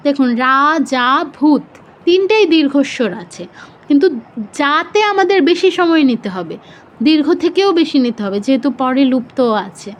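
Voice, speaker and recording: A woman's voice: sits high, lively intonation, fairly quick. A woman teaching Sanskrit pronunciation in a live online class, patiently explaining and drawing out example syllables.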